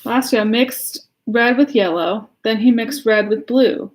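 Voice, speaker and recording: During a laid-back livestream storytime, an American woman pastor talks with children and asks them easy questions in a chatty way. Her fairly high voice moves at a measured pace, and slight background noise is audible.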